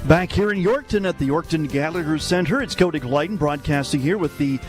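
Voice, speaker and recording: A man doing live promotional radio announcing for a lottery, with an upbeat, chatty prize pitch. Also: a little fast, faint music behind. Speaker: on-location radio broadcaster for a charity lottery. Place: on location at an event centre.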